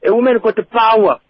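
A Congolese-accented man with a distinctly high voice gives his emphatic opinion on a radio phone-in. He explains insistently and checks that he is being understood. The sound is dry and somewhat dull, like a call put on air. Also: no echo.

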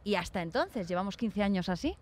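A woman's voice: mid-range voice, animated, a little fast, a little mellow, slight background noise. A young woman from Spain chatting casually and telling stories, acting out the voices of people she quotes. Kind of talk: casual chat.

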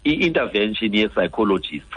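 Husky, hesitant male doctor with Xhosa accent. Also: on the low side, big pitch swings, moderate pace, fairly bright tone. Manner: hesitant, switches between Xhosa and English. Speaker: doctor, guest expert. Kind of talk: explaining on a radio health programme.

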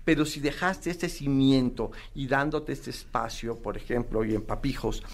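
A man's voice: medium pitch, normal speed. A man giving parenting advice in an earnest coaching manner, speaking to the listener directly. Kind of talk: advice talk.

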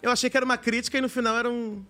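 A Brazilian man co-hosting a casual, lively chat show. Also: very high voice, rapid-fire. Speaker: talk show co-host.

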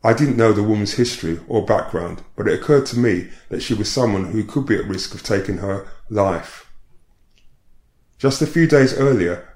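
Man, podcast host, measured reflective narration, lowish voice, echoey room. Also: darkish tone. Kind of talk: scripted personal narration.

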